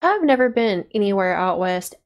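A woman's voice: mid-range voice, sing-song, normal speed, faint music behind. A young adult woman giving casual, blunt and sardonic film reaction commentary as a video host. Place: small dark decorated room indoors.

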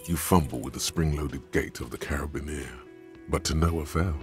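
An actor voicing a wry, grim male narrator in a video game, with a deep gravelly voice and a slow, deadpan delivery. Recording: game audio over background music.

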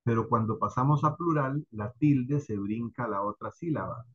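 A man's voice: medium pitch, normal speed, a bit bright, slightly rough, dull audio. A man with a Costa Rican accent teaching an online class, explaining patiently and checking in with students often. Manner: explanatory, addresses students directly with frequent "¿verdad?" and "¿ok?".

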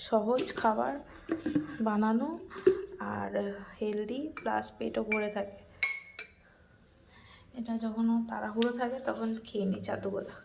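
A woman talking softly through a casual daily home vlog, tired after a workout. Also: mid-range voice, creaky. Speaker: vlogger. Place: home kitchen. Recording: echoey room with loud household noise.

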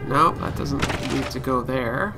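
Over game music, a streamer gives casual live let's play commentary, musing aloud to himself and to his viewers. He speaks slowly in a mid-range male voice.

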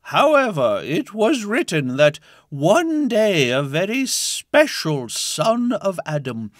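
Mystical animal oracle: prophetic trance delivery, grave and portentous, extremely slow, widely swinging pitch. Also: male voice, very animated, no echo, clean studio sound, full character voice. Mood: solemn, mystical. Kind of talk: scripted animated fantasy storytelling.

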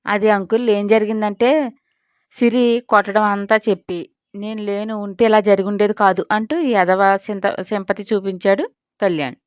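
A woman's voice: mid-range voice, normal speed, clear, resonant tone, no room sound, dull audio. Woman narrating a dramatic audio story. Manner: reads all characters in a mostly even voice.

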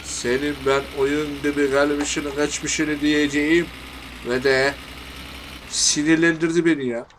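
A man with a Turkish accent giving casual game commentary, talking to himself and swinging from quiet muttering to angry shouting. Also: fairly high pitch, flat delivery, normal speed, a little hiss or hum. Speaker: gaming YouTuber.

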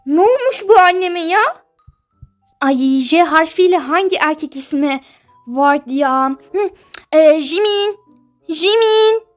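A woman's voice: very high-pitched, lively intonation, slow pace, faint music behind, exaggerated voice. A woman voicing a dreamy, defensive teenage girl in a toy-game role-play, whiny and protesting. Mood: searching.

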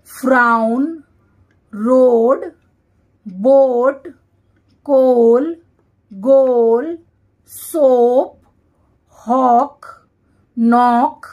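A woman teacher, reading English words one by one for a dictation lesson and repeating each one clearly. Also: on the high side, a little mellow. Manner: reads each word slowly and repeats it.

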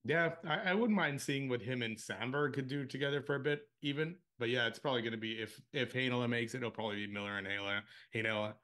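Male podcast co-host, bright and forceful tone, relaxed, hesitant delivery. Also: medium pitch, fast talker, few pauses. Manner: easygoing, hesitant with many uh fillers. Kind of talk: casual sports chat.

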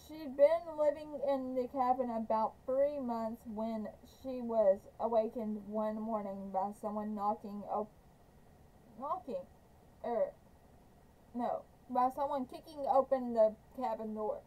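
A woman reading a novel aloud, halting and often stumbling and correcting herself. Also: fairly high pitch, fairly even intonation, dark tone, poor audio. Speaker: audiobook reader.

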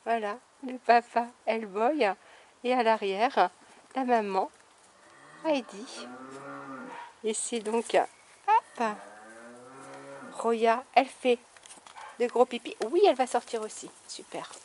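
A woman's voice: a little high, slow pace, pauses often, darkish tone, slight background noise. A woman breeding dogs, chatting casually to camera outdoors by a kennel and cooing affectionately at her puppies. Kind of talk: casual vlog narration.

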